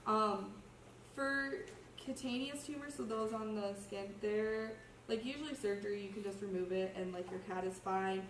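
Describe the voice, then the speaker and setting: Sick and coughing, a young woman student presents slides informally, explaining in a casual, slightly hesitant way. Her mid-range voice moves at a normal speed, picked up by a distant mic with a roomy sound and faint noise.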